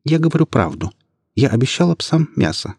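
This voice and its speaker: A man voicing a young woman, a budding witch, speaking calmly, coldly and firmly in an audiobook. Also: medium pitch, fairly quick, creaky, slightly rough, no room sound, clean studio sound, voice pushed up, heavily acted. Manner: calm, cold and firm.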